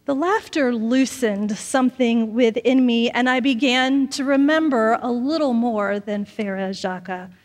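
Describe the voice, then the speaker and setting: Woman pastor, sermon, unhurried and soft at line ends; church reverb. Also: fairly high pitch. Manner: measured, trailing off softly at phrase ends. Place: church sanctuary. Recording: long reverb of a church sanctuary.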